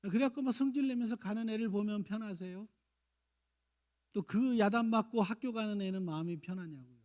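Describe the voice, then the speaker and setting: A man's voice: high voice, fairly quick. A man in his fifties preaching a sermon, acting out scolding and tender lines in turn. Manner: acts out parents' and children's lines, jumping between shouts and soft coaxing. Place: church sanctuary.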